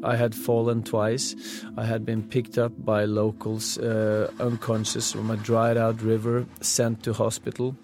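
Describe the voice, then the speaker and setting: A man from Norway with a Norwegian accent recounts his past in a hesitant, halting way, often searching for words. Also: lowish voice, completely flat delivery, over music. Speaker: interviewee. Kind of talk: personal account.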